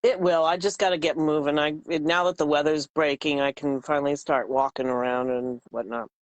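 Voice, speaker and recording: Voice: medium pitch, steady tone, moderate pace, no room sound, highs cut off. Chatty podcast co-host, dry close sound. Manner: chatty, talks while snacking, laughs easily. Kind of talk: casual chat.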